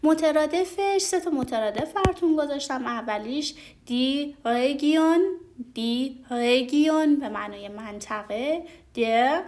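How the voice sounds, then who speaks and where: A woman teaching a vocabulary lesson, talking straight to her learners, patiently repeating and slowly modeling each pronunciation with frequent hesitation sounds. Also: high-pitched, a little mellow. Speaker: German language teacher.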